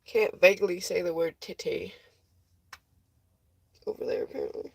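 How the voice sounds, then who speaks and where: A woman's voice: lowish voice, fairly even intonation, normal speed, gravelly, a little mellow, slightly rough, no echo. A young woman chatting casually with viewers on a livestream, tired and rambling, with a close phone mic.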